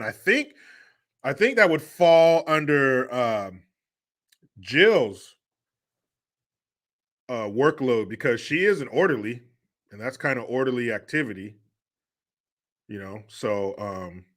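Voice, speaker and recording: Bright-voiced laid-back male streamer. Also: medium pitch. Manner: laid-back, profane banter. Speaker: live stream host. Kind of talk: casual live stream chat reading viewer messages.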